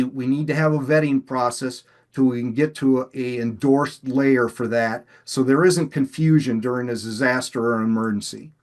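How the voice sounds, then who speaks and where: A man chairing a committee meeting over a video call, chatty and folksy, poking fun at his own talking. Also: mid-range voice. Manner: folksy, chatty, self-deprecating. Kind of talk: casual meeting presentation.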